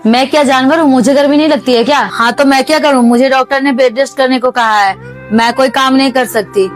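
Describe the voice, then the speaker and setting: An actress voicing a quarrelsome young daughter-in-law. Her voice is on the high side and she argues emphatically. Faint music plays under the scene. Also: steady tone, fast, natural voice. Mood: argumentative. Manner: argumentative, emphatic. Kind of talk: family drama acting.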